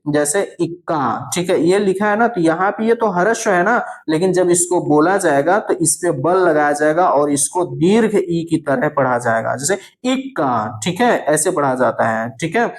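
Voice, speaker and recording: A man's voice: a little high, normal speed, hardly any pauses. Man teaching, answering his own questions. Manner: asks questions and answers them himself; keeps checking in with "thik hai". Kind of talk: exam answer-key lesson.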